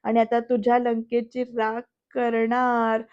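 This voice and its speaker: Woman doing a loud scheming uncle. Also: a little high, completely flat delivery, takes it slowly, smooth, muffled recording. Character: scheming middle-aged uncle, loud and plotting.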